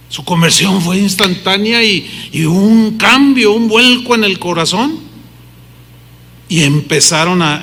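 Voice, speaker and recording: A man's voice: high voice, pushed and bright. A middle-aged man preaching a sermon emphatically, asking the congregation rhetorical questions. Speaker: pastor. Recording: hall reverb.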